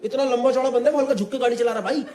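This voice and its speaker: A man, telling an animated stand-up story with crowd work in mixed Hindi and English, acting out voices. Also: extremely high pitch, very fast. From India. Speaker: stand-up comedian. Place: comedy club stage before a live audience. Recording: roomy hall with loud crowd. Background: audience laughter.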